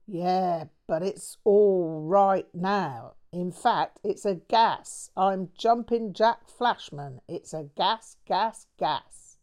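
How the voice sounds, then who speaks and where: In an audiobook, a woman with a lowish, slightly mellow voice plays a brash, foul-mouthed English man who is bitter, manic and defiant. She draws out her words with hardly any pauses, swearing and using slang, and breaks into bursts of manic cackling.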